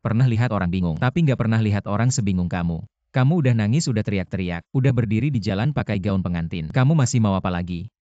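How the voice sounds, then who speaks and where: A man's voice: fairly low pitch, expressive, fast talker, warm tone, no room sound, close to an everyday voice. A man dubbing a blunt, sarcastic young man in a TV drama, talking in a cutting way. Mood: exasperated. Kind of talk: dubbed TV drama dialogue. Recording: dull lo-fi dubbing, dry.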